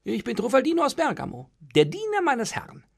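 A nosy young servant with a quick, high chatter, as a man puts him on in a storybook reading. The voice leaps around with a gravelly edge and a husky grain. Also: wildly swooping pitch, exaggerated voice. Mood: cheeky. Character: comic young male servant, cheeky and nosy.

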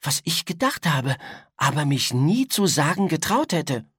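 Storybook boy, cheeky but timid, raised pitch and husky, read by a man. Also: big pitch swings, a little slow, fairly bright tone, no echo, studio quality, full character voice. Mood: boyish.

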